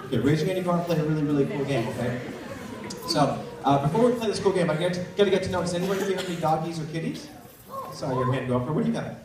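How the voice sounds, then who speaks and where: A man's voice: on the high side, lively intonation, very fast, a crowd in the background. A man hosting a live stage hypnosis show, asking volunteers simple coaxing questions as if to small children and repeating their answers back. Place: live stage before an audience. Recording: very echoey hall, distant, loud noise.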